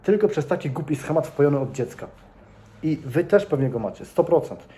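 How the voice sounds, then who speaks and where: A man's voice: fairly high pitch, expressive, brisk, dark tone. A young man giving earnest, casual commentary to his viewers, speaking to them directly and repeating points for emphasis. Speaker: vlogger.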